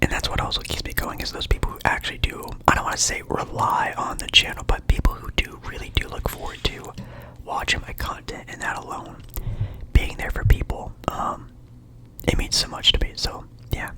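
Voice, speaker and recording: A young man from Portland whispering a relaxed, rambling ASMR chat in his apartment. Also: a little fast. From Portland, Oregon, USA. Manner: soft rambling whisper, friendly and chatty. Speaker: ASMR creator.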